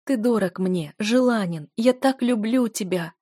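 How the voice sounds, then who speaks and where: A woman's voice: medium pitch, measured pace, mellow, husky, dry recording, studio quality, pitched above the performer's own voice. A woman voicing a desperate young female student in love, pleading emotionally with a raised voice.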